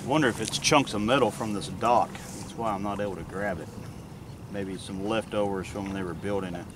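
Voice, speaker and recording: A middle-aged man with a lowish, fairly even voice talks a little fast while magnet fishing on a lake dock, thinking aloud in a matter-of-fact way. A camera mic a few feet away picks him up distantly under loud wind and water noise.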